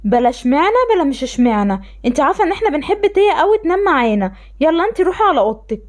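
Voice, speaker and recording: A cold, scornful father, as a woman with an Egyptian accent puts him on, pitched well below her own voice but still high. He talks briskly and dismissively in a game-animation story. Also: sing-song. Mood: harsh. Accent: Egyptian Arabic.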